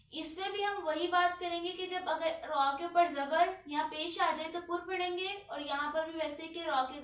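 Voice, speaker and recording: A teenage girl with a high voice teaches Quran recitation, drilling each letter sound slowly and patiently. She explains pronunciation carefully and repeats every sound. She is heard from a little way off the mic in an echoey room. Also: recorded from a distance.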